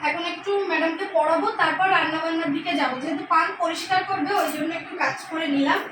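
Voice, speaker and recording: A young woman chatting to viewers in a home vlog, her voice hoarse as she cooks in the kitchen. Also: very high voice, fairly even intonation, fast. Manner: chatty, addresses viewers directly. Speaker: vlogger. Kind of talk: casual home vlog narration. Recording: echoey room with household noise.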